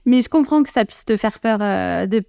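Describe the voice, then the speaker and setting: Chatty young French woman, smooth voice. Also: on the high side, warm tone, no room sound, clean studio sound. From France. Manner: chatty, slips into playful English put-on voices. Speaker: guest. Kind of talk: casual podcast chat.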